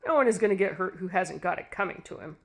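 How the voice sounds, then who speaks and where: A woman's voice: mid-range voice, lively intonation, quick pace, lightly acted. A woman reading a story, voicing a ruthless middle-aged husband who talks harshly and chuckles at his wife's fears. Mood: cold.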